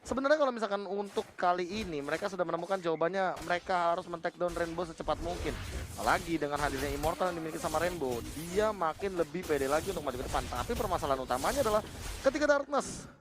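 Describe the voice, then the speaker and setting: A man's voice: a little high, lively intonation, fast talker. An Indonesian man giving analytical esports match commentary. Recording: faint music under the commentary. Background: faint music.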